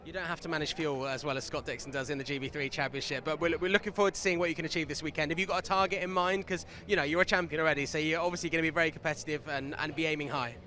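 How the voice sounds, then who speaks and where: A man's voice: on the high side, fairly even intonation, racing, hardly any pauses, sharp tone. A man presenting a motor race broadcast, chatting upbeat with drivers and his co-commentator. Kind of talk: trackside broadcast interviews.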